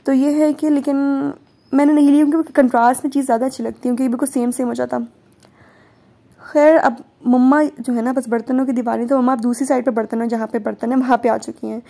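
A woman's voice: high voice, steady tone, quick pace, gravelly, dark tone. Chatty young woman vlogging in a store. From Pakistan. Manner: chatty, joking asides. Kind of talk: casual vlog narration. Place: large supermarket, indoors.

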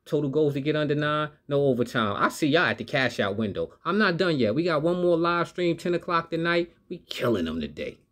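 Hyped man pitching bets to viewers. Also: brisk, hardly any pauses, fairly bright tone. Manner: upbeat, hypes viewers, talks straight to the audience. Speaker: sports betting channel host. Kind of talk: hyped betting picks vlog.

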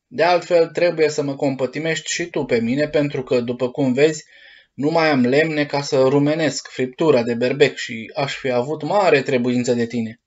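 A man voicing a gruff, hoarse old puppet-master with a long beard, grumpy but soft-hearted, in a dull lo-fi storybook recording. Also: mid-range voice, steady tone, lightly acted. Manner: gruff, shouting, sneezing.

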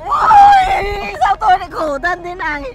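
A woman's voice: sing-song, a little fast, faint music behind, some chatter behind. An actress playing a scornful, hot-tempered middle-aged mother who scolds and insults. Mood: furious. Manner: scolding, insulting, shrill shouting. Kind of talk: web drama acting.

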